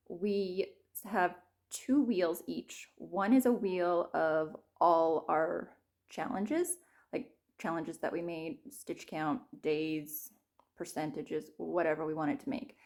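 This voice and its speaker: Slow, soft-spoken woman crafter. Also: on the low side. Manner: rambling, self-correcting, laughs at herself. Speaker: cross-stitch vlogger. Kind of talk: casual show-and-tell.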